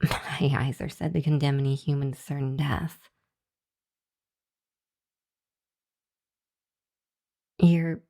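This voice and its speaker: A woman speaks slowly in a low register, voicing a bashful young hellhound demon who seeks shelter in an intimate ASMR roleplay. Her exaggerated delivery has vocal fry and a darkish tone, and she halts, sighs, and chuckles nervously while addressing the listener. She comes across as earnest, flustered, and shy.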